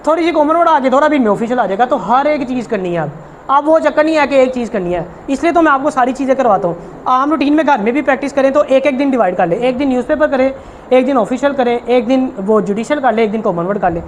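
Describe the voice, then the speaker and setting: Male shorthand teacher; high, rapid delivery; emphatic, repetitive, coaxing tone. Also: expressive, a little hiss or hum. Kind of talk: informal tutorial talk.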